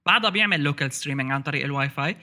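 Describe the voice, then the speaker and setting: Bright, high-pitched Levantine Arabic man. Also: very fast. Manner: mixes English tech terms into Arabic. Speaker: podcast host. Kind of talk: casual tech podcast discussion.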